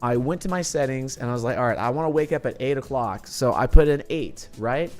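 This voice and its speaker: A young man streams and chats with his viewers, telling animated stories and acting out his friends' lines. His voice sits at a middle pitch, and he swears freely. Faint music plays behind him. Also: a little fast. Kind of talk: casual chat to live chat.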